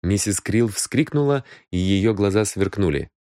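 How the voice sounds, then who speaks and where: A man narrating an audiobook with an expressive storytelling delivery. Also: on the low side, unhurried, dry recording, clean studio sound. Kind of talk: scripted narration.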